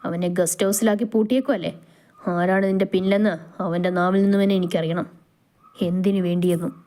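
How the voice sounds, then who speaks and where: A woman's voice: medium pitch, fairly even intonation, a little fast, warm tone, close to an everyday voice. A woman reading as a protective young groom. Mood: earnest.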